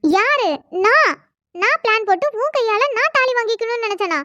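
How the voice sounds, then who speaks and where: A defiant young bride in a cartoon drama, voiced by a woman. Her voice is very high and her retorts are hot and sarcastic. The sound is dry and close. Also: lively intonation, normal speed, sharp tone, dry recording, lo-fi sound, full character voice.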